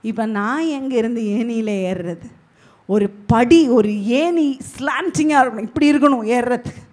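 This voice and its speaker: A woman pastor preaching a sermon with emphatic delivery, swinging between loud and hushed. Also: a little high, moderate pace. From Tamil Nadu, India.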